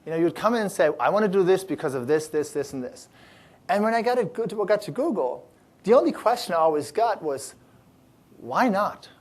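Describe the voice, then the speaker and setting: A man who founded a startup accelerator giving a conference talk to an audience, talking loosely with many fillers and restarts in an upbeat, animated way. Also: high-pitched, brisk.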